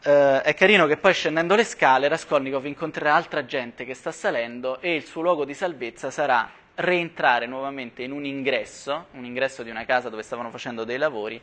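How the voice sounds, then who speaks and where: A man's voice: mid-range voice, a little fast, hardly any pauses, a bit bright. Man reading a novel aloud with drama. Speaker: speaker at a reading workshop.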